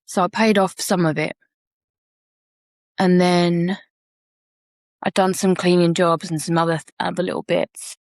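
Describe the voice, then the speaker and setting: A woman's voice: on the low side, little pitch movement, a little slow, pauses often, a little mellow, dry recording, studio quality. A woman co-hosting a podcast, telling a personal story frankly and reflectively and swearing casually. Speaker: podcast co-host.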